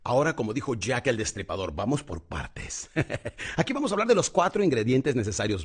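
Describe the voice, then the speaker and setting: Husky man coaching with dramatic voice swings. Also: mid-range voice. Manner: dramatic swings between loud and soft, addresses listener as champion. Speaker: public speaking coach. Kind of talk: motivational lesson.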